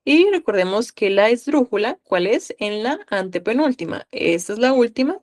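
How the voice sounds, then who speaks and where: A woman's voice: on the high side, animated, moderate pace, a little mellow. A woman from Guatemala with a Guatemalan accent, tutoring a live online class and coaxing students with questions.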